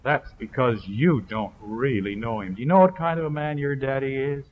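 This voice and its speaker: A man's voice: medium pitch, moderate pace, close to an everyday voice. Sly, taunting wicked man, insinuating questions, as a preacher acts him out. Thin, phone-like old tape sound.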